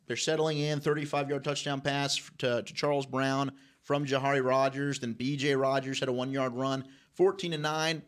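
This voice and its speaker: A man giving emphatic, opinionated high school football analysis in a studio. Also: flat delivery, normal speed, hardly any pauses. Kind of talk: sports analysis.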